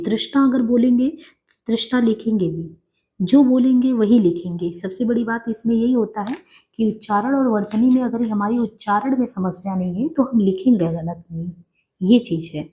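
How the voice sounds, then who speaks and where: A woman with a fairly high but dark-toned voice teaches correct Hindi spelling for exam preparation. She patiently repeats each word and checks in with her students as she goes.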